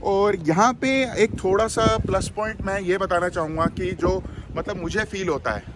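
A chatty man from Delhi talks his viewers through a neighbourhood while walking outdoors. His voice sits high for a man. Loud wind and traffic noise cover the recording. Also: moderate pace. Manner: chatty, mixes English words into Hindi, repeats "theek hai". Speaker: vlogger touring an area. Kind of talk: casual walking vlog commentary. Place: outdoors by a road. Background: loud wind and passing vehicles.

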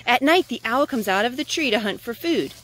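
A mother reads to her young child among the trees, her slightly high voice quick and lively, sing-song and pitched toward the child. Crowd noise is present, and the handheld recording she shoots herself is clearly noisy.

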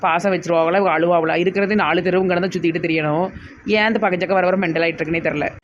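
A woman's voice: fairly low pitch, steady tone, racing, muffled recording, slight background noise. A woman with a Tirunelveli Tamil accent, mocking others in a village comedy sketch.

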